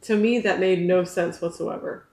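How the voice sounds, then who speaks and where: A woman's voice: on the low side, fairly even intonation, normal speed, dark tone. A woman co-reviewing a movie in casual banter, talking in a blunt, tipsy way. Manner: tipsy, blunt, interjecting talk. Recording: roomy, echoey sound.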